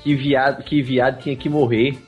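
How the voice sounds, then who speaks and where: A male co-host tells a story at his own expense in a dry, self-mocking way. His voice sits at an average pitch. The sound is muffled and lo-fi, with faint music. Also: level tone, normal speed. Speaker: podcast co-host. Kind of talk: comic storytelling.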